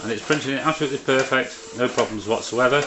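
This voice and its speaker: A man's voice: mid-range voice, fast talker, noisy background. A man presenting an informal how-to video, explaining hands-on work in a plain-spoken, step-by-step way. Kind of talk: informal hands-on tutorial narration. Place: indoors beside a printer.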